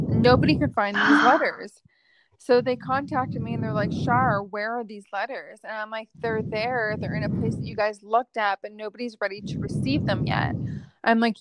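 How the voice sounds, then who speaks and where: A young adult woman, a psychic medium guest, chatting casually and acting out the dialogue in her stories with lively energy. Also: a little high, normal speed, very noisy. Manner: lively, acts out quoted dialogue. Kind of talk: casual storytelling chat.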